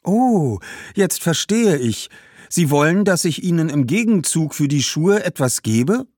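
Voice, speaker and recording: A man's voice: a little high, sing-song, measured pace, darkish tone, no echo, clean studio sound, voice pushed up. A man voicing a friendly, eager young girl from a village, earnest and pleading. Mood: polite, hopeful.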